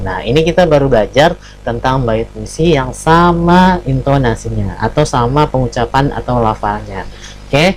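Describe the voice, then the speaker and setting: A man's voice: on the high side, a little hiss or hum, rough recording. A man teaching a recorded lesson to young pupils, talking to them directly and acting out examples. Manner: animated, addresses pupils directly, acts out examples. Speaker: primary school teacher. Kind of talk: recorded online lesson for children.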